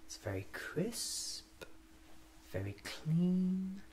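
A man in his thirties playing a whimsical, eccentric time-traveling doctor musing aloud in soft-spoken, deliberate ASMR roleplay. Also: sits high, very animated, creaky, a little hiss or hum, heavily acted. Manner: deliberate, musing, often near whisper.

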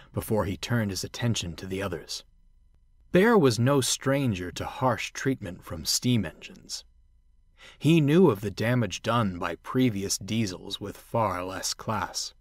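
Male storybook narrator, husky, unhurried delivery, measured. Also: lowish voice, no echo, clean studio sound.

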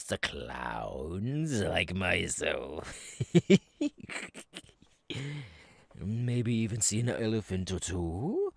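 For an ASMR audio roleplay, a male voice plays a menacing, childlike circus clown monster in full character, husky and creaking and drawn out extremely slowly. On the low side yet fairly bright in tone, it lurches theatrically between breathy whispers and gleeful, cackling bursts, with no room sound.

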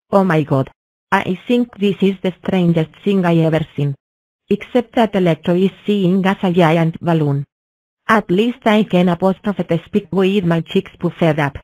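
A woman's voice: on the low side, dark tone, rough recording. Woman voicing a stilted, anxious cartoon number block. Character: anxious female number-block creature inflating like a balloon. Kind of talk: fan animation character monologue.

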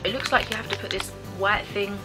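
A woman's voice: medium pitch, steady tone, brisk, loud music behind the voice. A British woman in her twenties giving casual, chatty taste-test commentary, thinking aloud with some hesitation. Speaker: vlogger reviewing snacks. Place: small bedroom, indoors.

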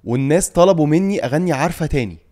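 A man's voice: a little high, animated, racing, darkish tone. A young Egyptian man telling a story vividly and emotionally, with emphatic repeats, as a guest on a podcast. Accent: Egyptian Arabic. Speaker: guest singer and actor. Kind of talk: animated storytelling in a podcast chat.

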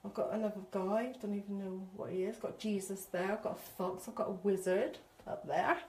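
Her mid-range voice moves briskly as she, a psychic medium, gives an excitable, chatty spirit reading on a live stream. She refers to her viewers as sweetie.

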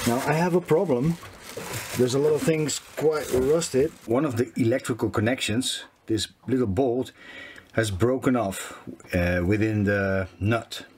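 A Dutch man in his fifties talks through hands-on repair work in a casual vlog style. His English is a second language, with halts as he translates in his head, at a medium pitch. There is some noise and clicking behind him in a small cabin. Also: darkish tone. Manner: halting non-native English, searching for words as if translating. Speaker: sailing vlogger. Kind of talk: casual DIY repair explanation. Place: small boat cabin interior.

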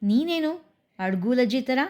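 A woman's voice: sits high, animated, measured pace, mellow, pitched above the performer's own voice. A woman voicing a young foreign man who teases and pleads with the woman he loves. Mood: teasing. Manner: light, teasing.

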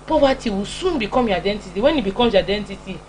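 Speaking rapid-fire in an expressive, medium-pitched, darkish voice, a young Nigerian-accented woman preaches an informal motivational sermon, scolding, repetitive and emphatic. She is a preacher and broadcast host in a small home-style studio, and the poor recording carries clear background hum and noise.

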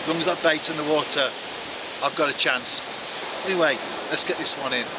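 A man's voice: fairly high pitch, brisk. A man in his forties vlogging outdoors on a beach, talking to the camera in a chatty way with rhetorical asides to the viewer. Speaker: angling vlogger. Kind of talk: casual to-camera vlog. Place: outdoors on a beach and sea rocks. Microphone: handheld camera close to face. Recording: outdoor recording with loud surf noise. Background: surf and waves.

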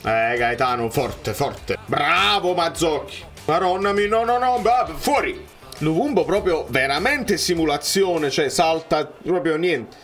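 A young man reacting live to a football match, cheering players and shouting at missed chances. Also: a little high, a little slow, faint music behind. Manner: excitable, swings from muttering to shouting at plays.

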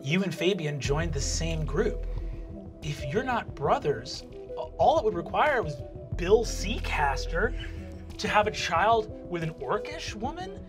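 Animated game master man. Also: high-pitched, measured pace, over music. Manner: animated, playful, drops to hushed asides. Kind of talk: narrating a tabletop game. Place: tabletop game studio with a large miniature set.

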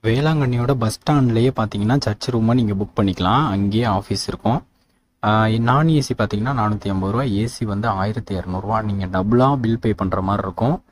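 A man's voice: on the low side, a little mellow, a little hiss or hum. A man in his thirties from Tamil Nadu, narrating a travel vlog voice-over in a practical, matter-of-fact way and speaking straight to his viewers. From Tamil Nadu, India. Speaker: travel vlogger.

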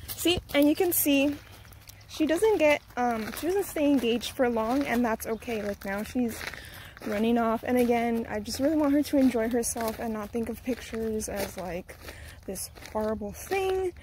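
A young woman talks casually into a camera mic outdoors in a garden, a little out of breath and flustered. Her voice sits a touch high, and a faint outdoor hiss stays under her chatter. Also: lively intonation, normal speed, a little mellow. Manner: chatty, slightly flustered, switches to high sing-song when coaxing her toddler. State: a bit out of breath. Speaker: vlogger and mother. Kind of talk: casual outdoor vlog with tips.

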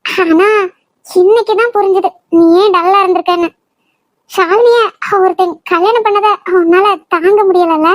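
A performer voicing a caring, perceptive middle-aged mother in a cartoon, who gently scolds and probes her son. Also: very high voice, normal speed. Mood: knowing. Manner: gently scolding, probing, affectionate. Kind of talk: cartoon voice acting.

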